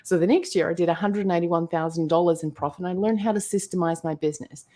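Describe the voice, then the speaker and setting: Lively New Zealand woman telling her story. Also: on the low side, quick pace. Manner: animated, acts out quotes in voices. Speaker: guest entrepreneur. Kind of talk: casual interview storytelling.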